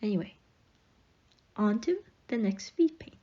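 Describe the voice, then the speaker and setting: A woman's voice: mid-range voice, animated, unhurried, warm tone, lo-fi sound. A young woman casually narrating a speedpaint voiceover, chatty and rambling, with fillers and light laughs. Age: young adult.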